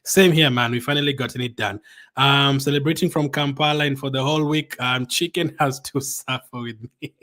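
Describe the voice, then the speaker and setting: A man hosts a fan live stream and reads out viewer comments. His voice sits at an ordinary middle pitch, and he speaks excitedly and loosely, filling gaps with "um" and "man". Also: a little fast. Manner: excited and chatty, with frequent "um" and "man". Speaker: fan channel host.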